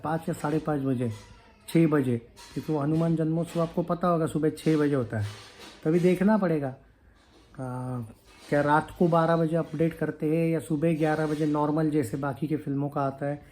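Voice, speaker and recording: A man talks casually about an upcoming film, his voice mellow and a touch higher than most men's. He rambles in a relaxed chat, hesitates with fillers and drops English phrases into his talk. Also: moderate pace, a little hiss or hum. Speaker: film news YouTuber.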